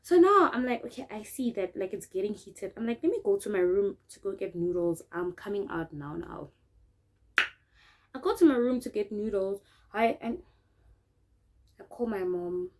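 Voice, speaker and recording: A woman's voice: medium pitch, normal speed, poor audio. A young South African woman with a South African accent, telling a casual story in a vlog and acting out what people said. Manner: animated, acts out quotes, mixes in local words. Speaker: vlogger. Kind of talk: casual storytime while doing makeup.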